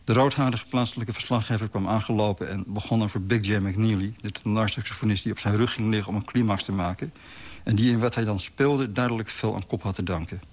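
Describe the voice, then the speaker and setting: A man reading a literary story aloud in a calm, measured way. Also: lowish voice. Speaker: narrator. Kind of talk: scripted literary narration.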